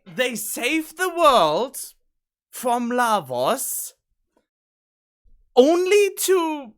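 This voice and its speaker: A man with a very high, slightly bright voice offers casual reactions to game cutscenes, sounding puzzled as he thinks aloud. He records on a studio condenser microphone, and the cutscene music plays behind him.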